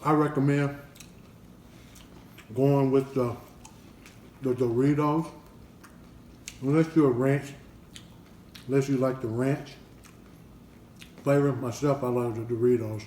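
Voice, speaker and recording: A man talks his way through an eating challenge on his family vlog, chatty and in no hurry. His voice sits at an ordinary middle pitch. The room is echoey, with a faint hiss behind him. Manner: relaxed, unhurried, chatty with fillers. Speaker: family channel vlogger.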